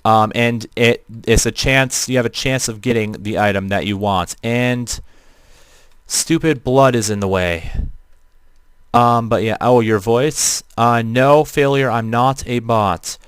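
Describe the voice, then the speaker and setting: A man with a robotic-sounding natural voice, giving casual live game commentary in a halting way, often rephrasing as he goes. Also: medium pitch, clear, resonant tone, no room sound, clean studio sound. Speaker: livestreamer playing an online role-playing game. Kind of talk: casual gameplay livestream commentary.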